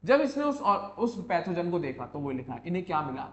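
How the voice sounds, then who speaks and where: A man's voice: a little high, very animated, fairly bright tone. Man teaching biology, echoey lo-fi room. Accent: Hindi-English code-switching. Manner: drills students with repeated questions and "yes or no?"; reads English textbook lines slowly, then explains in Hindi. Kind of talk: online exam-prep lecture. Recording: echoey lo-fi room with faint hum.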